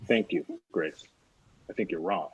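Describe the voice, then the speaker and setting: A man's voice: low-pitched, a little slow, breathy edge, full character voice. A man reading a pompous, self-important middle-aged school principal in an unrehearsed script read-through. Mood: stern. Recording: dull, dry, lo-fi recording.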